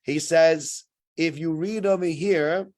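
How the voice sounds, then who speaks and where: A man's voice: on the high side, steady tone, takes it slowly, a little mellow. Man teaching Torah, chatty. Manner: conversational, rhetorical questions, acts out quoted exchanges. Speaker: rabbi teaching weekly Torah portion. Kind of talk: informal Torah class to a small group. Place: synagogue room with listeners.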